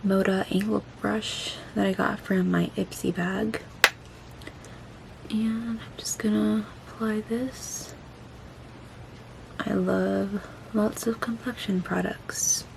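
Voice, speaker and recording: Creaky-voiced woman, swollen after wisdom teeth removal. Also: medium pitch, a little hiss or hum, rough recording. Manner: informal, self-deprecating, chatty asides. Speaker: beauty vlogger. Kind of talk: casual chatty get-ready-with-me makeup vlog.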